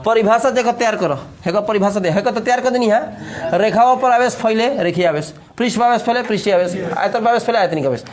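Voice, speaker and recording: A man's voice: high voice, fast. A man teaching a physics class, explaining step by step and teasing his students with joking dialect asides.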